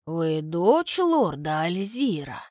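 A woman voicing a courteous, shrewd middle-aged male butler who speaks in a measured, inquiring way. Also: on the low side, lively intonation, a little mellow, no room sound, studio quality. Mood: puzzled, polite.

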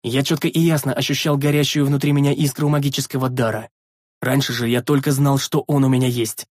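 A man narrating a fantasy audiobook in the first person, in a steady, measured reading. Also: medium pitch, dry recording, clean studio sound.

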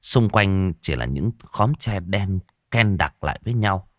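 A man narrating a horror story in a dramatic, expressive way. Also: low-pitched, measured pace, no echo, studio quality.

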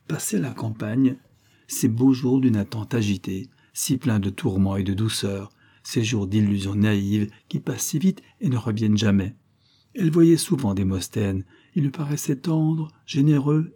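A man narrating a nineteenth-century short story in a measured, expressive reading. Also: lowish voice. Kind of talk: literary audiobook narration.

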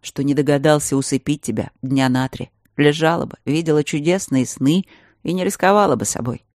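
A woman reading an audiobook, voicing a calm, teasing male mage who lectures patiently. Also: low-pitched, a little fast, dry recording, clean studio sound, close to an everyday voice. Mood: patient lecturing. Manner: patient, gently mocking, lecturing.

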